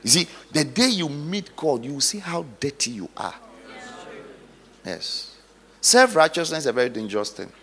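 A male pastor preaching dramatically, moving from hushed storytelling to loud exhortation. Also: a little high, very animated, moderate pace. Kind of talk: sermon. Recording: long hall reverb.

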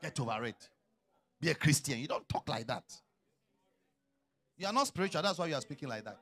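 A middle-aged man preaching a sermon as a pastor, swinging from quiet, low asides to loud shouted calls. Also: expressive, brisk.

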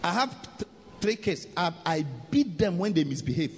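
High-voiced emphatic male preacher. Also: sing-song, a little slow. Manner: emphatic, swings between shouts and low asides. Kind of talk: sermon with live interpretation. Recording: reverberant church hall, faint noise.

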